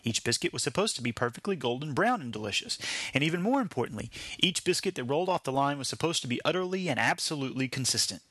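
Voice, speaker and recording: A man reads his own short story aloud with a wry, deadpan delivery. His voice sits at a middle pitch, and the recording is dry and close. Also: fast talker, slightly rough, no room sound. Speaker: narrator.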